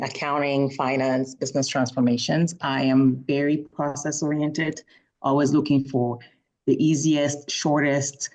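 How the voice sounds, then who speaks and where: A woman's voice: deep voice, dark tone. Woman on muffled call audio. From Cameroon. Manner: measured, orderly, lists her skills. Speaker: management consultant, call participant. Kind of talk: self-introduction on a video call. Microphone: video call.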